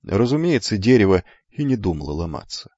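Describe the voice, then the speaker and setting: Low-voiced man narrating a storybook. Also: sing-song, fairly quick, dark tone, no room sound. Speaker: audiobook narrator. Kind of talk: scripted narration. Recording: dull lo-fi with faint music.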